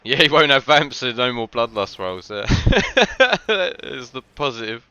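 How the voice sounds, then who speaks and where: A man's voice: medium pitch, very animated, measured pace, sharp tone, smooth, no echo, muffled recording. A man giving casual commentary on a game match, rambling with lots of filler words and frequent laughs.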